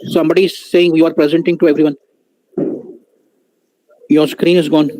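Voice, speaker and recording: A man's voice: on the high side, little pitch movement, moderate pace, warm tone, rough recording. A man who joins an online workshop and politely calls the trainer "sir". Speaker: workshop participant. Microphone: video call.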